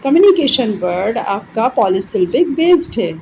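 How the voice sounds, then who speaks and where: An Indian woman teaching an English lesson in a bright, animated voice that rises and falls a lot. She reads English definitions slowly and deliberately, then explains them in quick Hindi. Faint noise hums in the background. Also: fairly high pitch, rough recording. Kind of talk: classroom-style lesson explaining grammar.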